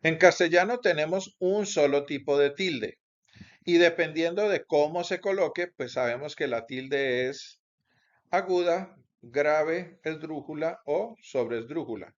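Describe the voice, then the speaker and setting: A Bible Greek teacher delivers a recorded class lecture, explaining slowly and deliberately with pauses and self-corrections. His voice is a little high, and the recording is dull and lo-fi.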